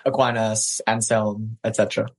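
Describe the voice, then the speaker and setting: A man's voice: on the low side, level tone, moderate pace. A man, an articulate interview guest who laughs often, speaking over a video call. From Malaysia. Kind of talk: conversational interview.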